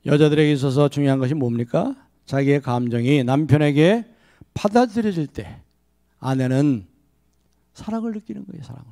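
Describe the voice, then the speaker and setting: A man's voice: fairly high pitch, moderate pace, creaky, dark tone. A male pastor preaching a sermon, telling a story and acting out the quoted lines. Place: church sanctuary.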